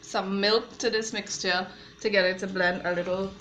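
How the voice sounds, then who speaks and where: An adult mother cooks in her home kitchen and chats viewers through each recipe step in a casual demonstration, her medium-pitched, fairly bright voice steady and moderately paced. The kitchen is echoey, with dishes, cutlery and a blender clattering behind her and a little hiss or hum.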